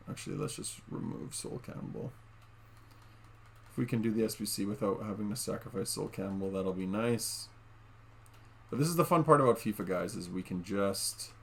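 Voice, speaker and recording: At home, a gaming YouTuber chats through casual gameplay commentary in a lowish voice with vocal fry and a faint hiss or hum. He talks straight to his viewers, calls them "guys," and fills his speech with lots of fillers.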